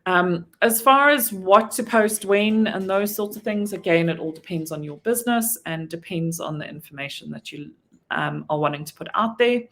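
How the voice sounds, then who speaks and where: A woman's voice: lowish voice, moderate pace, fairly bright tone. A South African woman giving a casual online training talk on virtual assistant work, with frequent ums and self-corrections.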